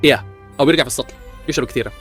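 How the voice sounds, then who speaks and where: A man's voice: mid-range voice, very fast, fairly bright tone, soft background music. A man co-hosting, chatting and speculating about what is happening on screen. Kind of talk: excited video commentary.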